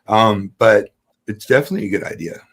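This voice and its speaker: A man's voice: on the low side, brisk, gravelly, breathy edge. A man in a casual livestream chat explaining room acoustics in a loose way, with many fillers. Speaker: acoustics company guest.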